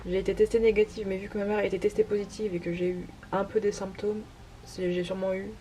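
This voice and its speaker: A young woman artist vlogger rattles through her sketchbook pages at a quick pace, her mid-range voice dark in tone and flat in delivery, with a little hiss or hum. The casual walkthrough is hesitant and crammed with fillers, punctuated by self-deprecating laughs.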